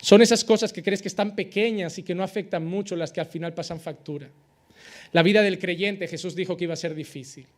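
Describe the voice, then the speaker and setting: High-voiced pastor preaching. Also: male voice, fairly quick. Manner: preaching with dramatic rises and drops; rhetorical questions and acted-out dialogues. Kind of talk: sermon.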